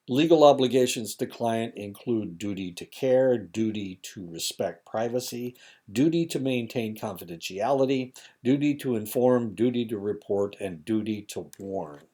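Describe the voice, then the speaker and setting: A man's voice: fairly low pitch, dark tone. A man giving a recorded lecture, reading points aloud with casual asides and fillers, his throat a little dry.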